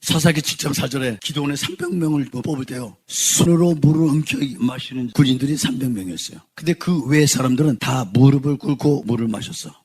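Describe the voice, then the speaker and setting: A male pastor giving a fervent sermon, moving from quiet talk to shouted proclamations. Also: medium pitch, fairly quick, hardly any pauses, breathy edge.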